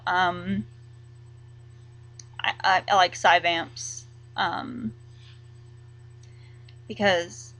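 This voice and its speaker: A young woman chatting casually to camera as a vlogger, rambling and halting, full of likes and ums. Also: a little high, a bit bright, poor audio.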